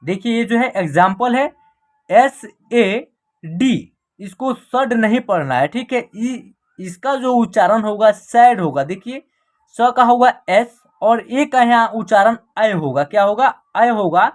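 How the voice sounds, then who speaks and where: A woman's voice: fairly high pitch, lively intonation, moderate pace. A woman teaching an online English class, spelling words out letter by letter, then asking short questions and answering them herself, with a frequent "okay" check-in. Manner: repeats "ठीक है" as a check-in.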